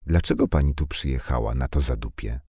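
A man's voice: extremely low pitch, a little fast, warm tone, breathy edge, no echo, clean studio sound. A man voicing a talkative, blunt young village woman with slangy, impulsive speech. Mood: chatty.

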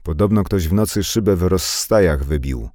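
A stern old village carpenter speaks sharply and with authority, as a man acts him out. The voice is deep but pushed up and loud, read close and dry as in a storybook. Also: expressive, moderate pace, no room sound. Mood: gruffly kind. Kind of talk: audiobook character voice.

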